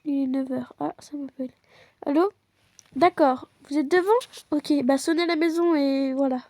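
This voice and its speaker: A woman's voice: high-pitched, fairly even intonation, normal speed, a little mellow. A woman casually narrating a role-play as she plays a game, chatty and talking through each step aloud. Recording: noisy home background.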